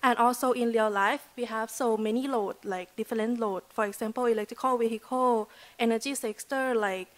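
A woman's voice: a little high, fairly even intonation, normal speed. A woman in her twenties from Thailand with a Thai accent gives an earnest student presentation at a podium microphone, with loose grammar and many "like" fillers. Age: 20s. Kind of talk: prepared presentation speech. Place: lecture hall at a podium.

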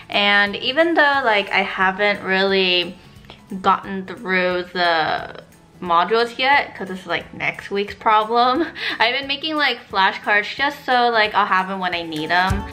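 A woman's voice: medium pitch, takes it slowly, sharp tone, soft background music. A woman in her twenties, a nursing student, chatting casually to camera in a vlog, full of "like" and "um". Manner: chatty, filler-heavy, uses "like" a lot.

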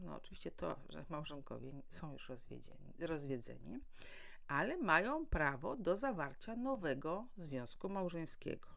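With a fairly low pitch and noticeable vocal fry, a woman who works as a legal adviser and mediator delivers a formal, teaching-style talk to her audience, asking her own questions and supplying the answers.

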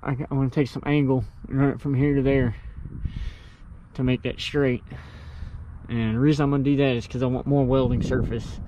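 Young male farm vlogger, relaxed and rambling, action-cam sound with noisy shop and engine behind. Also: medium pitch, brisk, muffled recording. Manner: relaxed, rambling, talks while working. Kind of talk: casual first-person workshop vlog. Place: outdoors on a farm and in a workshop.

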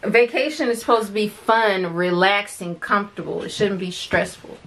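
A woman vlogger chats casually, teasing, laughing often, and telling stories playfully. Her mid-range voice is fairly bright and at normal speed.

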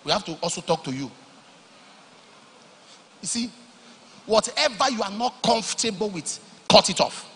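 A man preaching a sermon, moving between loud emphatic declarations and low, confiding storytelling. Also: expressive, moderate pace, pauses often, slight background noise. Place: large church hall. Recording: long hall reverb.

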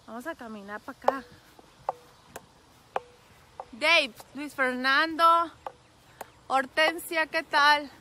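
A woman talks into her phone outdoors by a highway, her voice high and bright. She chats warmly and easily, greeting viewers one after another, with a faint hum of background noise behind her. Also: slow pace, pauses often, low-quality recording. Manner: chatty, reads out and greets viewers by name, laughs often. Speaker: truck driver vlogger. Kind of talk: casual live-stream chat with viewers. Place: outdoors at a highway rest area. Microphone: phone held at arm's length.

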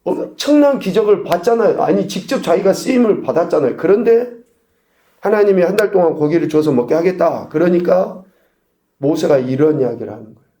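Korean pastor preaching in an echoey hall. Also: male voice, high voice, expressive, fairly quick, dark tone. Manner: preaching with rhetorical questions and sudden shifts in volume. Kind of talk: sermon. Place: church sanctuary.

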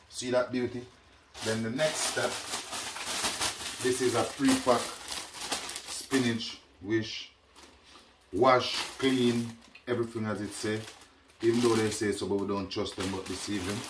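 Chatty man cooking in echoey kitchen. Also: fairly low pitch. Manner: chatty, frequent "yeah?" and "you know what I mean?" tag questions. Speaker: home cooking host. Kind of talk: casual cooking demonstration. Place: small home kitchen, indoors. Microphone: camera mic at a distance. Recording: echoey kitchen, distant camera mic, noisy.

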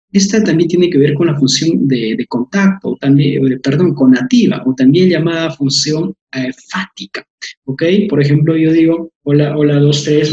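A man's voice: fairly high pitch, a little mellow, dull audio. A man, teaching an online language lesson, explaining patiently with fillers and repeated terms.

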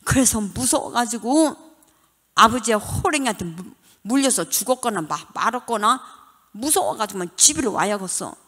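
Older woman, church testimony, lively swooping pitch, long reverb of a church hall. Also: moderate pace. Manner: animated storytelling, dramatic retelling of childhood. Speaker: church deaconess giving testimony.

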